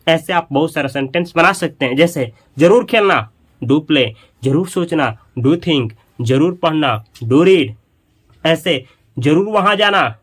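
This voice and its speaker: Guy teaching english, somewhat high voice, says each example slow and twice, asks you questions. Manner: repeats example sentences slowly for drilling; explains patiently and asks questions to the learner. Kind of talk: spoken English lesson.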